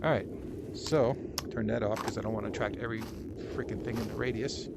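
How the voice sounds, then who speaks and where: A man's voice: on the low side, steady tone, a little fast, creaky. A man giving casual, rambling VR gameplay commentary, joking and poking fun at himself, in a noisy recording. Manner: rambling, joking, self-deprecating. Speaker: VR game video creator.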